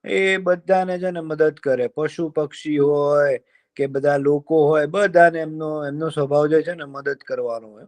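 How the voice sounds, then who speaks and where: A man's voice: on the high side, unhurried. A man telling a folk tale to children in a folksy, chatty way over a video call. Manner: folksy and chatty, fillers, lively voices for characters. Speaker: children's storyteller.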